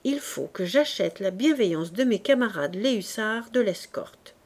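A woman reading aloud, voicing a naive young male soldier in a storybook, speaking in hushed asides and eager pleas. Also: medium pitch, expressive, unhurried.

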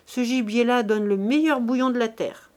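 Stingy old man read by a woman, gruff, dismissive, somewhat high, storybook reading. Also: moderate pace, darkish tone, close to an everyday voice. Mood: stern. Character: stingy old male miser, curt and commanding.

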